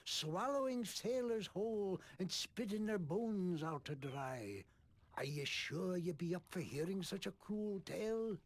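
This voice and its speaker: An actor playing a gruff old sea captain in a video game, a gravelly storyteller spinning grim, rambling yarns. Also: male voice, high-pitched, lively intonation, a little slow, no room sound, full character voice. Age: older. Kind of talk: video game character acting.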